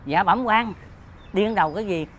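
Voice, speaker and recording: A man's voice: high voice, moderate pace, fairly bright tone, a little hiss or hum. An actor playing a cheeky, deferential male court clerk in a folk tale TV drama.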